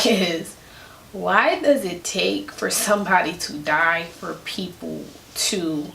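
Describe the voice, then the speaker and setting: In an echoey room at home, a woman casually vlogs her opinions to camera, wandering off into asides. Her medium-pitched voice is creaky and a bit bright, and there's a little hiss or hum on the recording.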